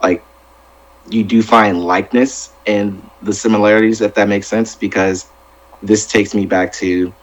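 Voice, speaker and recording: Low-voiced podcast guy telling a story, pretty measured about it. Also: steady tone, rough recording. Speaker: podcast co-host. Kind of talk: casual chat.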